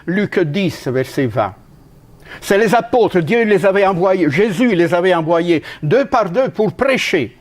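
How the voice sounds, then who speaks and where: A man from Italy preaches a sermon in a noticeably high voice, with a clear Italian accent. He speaks slowly and deliberately, leaping up and dropping down in pitch to stress points. His phrases often stop and restart mid-thought. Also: expressive. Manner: emphatic, with sudden pitch leaps and drops and halting restarts.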